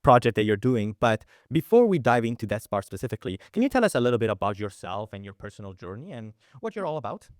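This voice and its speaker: A man's voice: fairly low pitch, big pitch swings, quick pace, hardly any pauses, no echo, clean studio sound. A man hosting an interview with chatty, loose phrasing and many fillers. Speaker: interview host. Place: Berlin.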